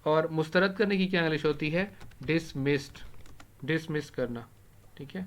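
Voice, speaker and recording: A native Urdu speaker with a slightly high voice teaches English vocabulary in a recorded lesson. Keys click as he types, repeating the important words slowly.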